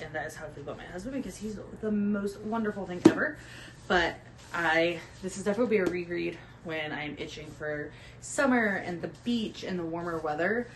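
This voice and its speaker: A young woman chatting casually about books she loves, gushing and sometimes dropping to a soft whisper. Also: fairly low pitch, a little hiss or hum, rough recording. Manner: gushing, drops to soft whispers when emotional. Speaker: book vlogger. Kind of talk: casual book chat.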